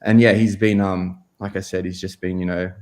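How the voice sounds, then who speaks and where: A young man, answering interview questions in a halting way, full of fillers and restarts. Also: deep voice, level tone, a little mellow. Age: 20s. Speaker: guest goalkeeper.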